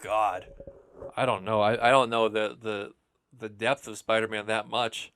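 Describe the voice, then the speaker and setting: A man hosting a podcast in casual chat, relaxed and joking, sometimes hesitant. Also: lowish voice, unhurried, no echo. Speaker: podcast host.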